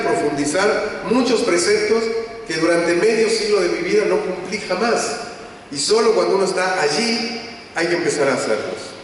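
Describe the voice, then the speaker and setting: A man, a rabbi giving a measured, explanatory lecture in a large temple. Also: on the high side, a little hiss or hum. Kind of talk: synagogue lecture. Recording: echoey hall from far off.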